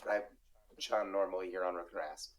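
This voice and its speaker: A man speaks in a lowish register with a raspy, whiskey-worn voice. He keeps it subdued and casual, like someone chatting at a game table. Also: fairly even intonation, moderate pace. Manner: subdued, quiet. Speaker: player in an actual-play show.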